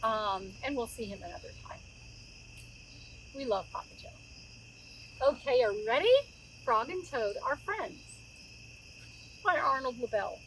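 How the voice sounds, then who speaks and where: A middle-aged woman hosts a children's story time by a campfire in the woods, chatting informally and asking the young listeners questions. Her voice is on the high side, animated and a bit bright, though a little slow with frequent pauses. The audio is poor, with clear cricket and insect noise outdoors.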